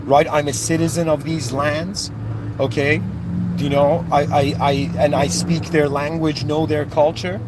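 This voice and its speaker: A man's voice: a little high, little pitch movement, a little slow, background noise. A man born in Iran and raised in Canada, giving an impassioned, searching spiritual monologue with many restarts and rising outbursts. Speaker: spiritual speaker.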